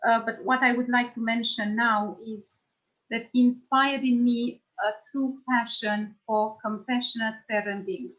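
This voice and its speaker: A woman's voice: fairly high pitch, fairly even intonation, measured pace, a bit bright. A woman trainer sharing an earnest, thoughtful personal reflection over a video call. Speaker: nonviolent communication trainer. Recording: dull lo-fi sound.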